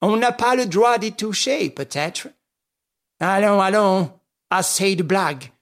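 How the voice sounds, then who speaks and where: A man voicing an arrogant English detective who mocks his rival scornfully and shouts orders. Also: high-pitched, slow pace, voice pushed up, heavily acted. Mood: sneering. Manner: mocking, scornful, bursts into shouting.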